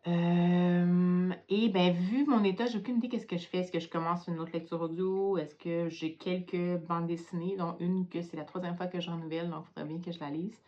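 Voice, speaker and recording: A woman's voice: lowish voice, steady tone, moderate pace, dull audio. A tired woman with a Quebec French accent chatting hesitantly at home in a casual book vlog, with many fillers. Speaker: book vlogger.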